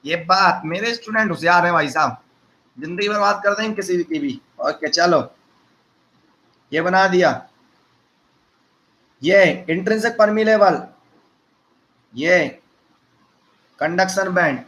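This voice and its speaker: A man's voice: high-pitched, unhurried, pauses often, bright, forceful tone, rough recording. A man teaching a physics class in a chatty, teasing way, asking his students questions and then answering them himself. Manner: teasing, conversational, addresses students as beta and bhaiya.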